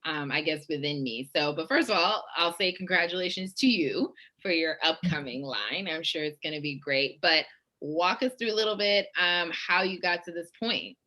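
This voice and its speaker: A woman hosts a relaxed interview in a bubbly, chatty manner, often breaking into laughter. Her voice sits a little low, and she talks over a video call. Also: normal speed. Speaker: host, fashion stylist. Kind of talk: casual interview hosting.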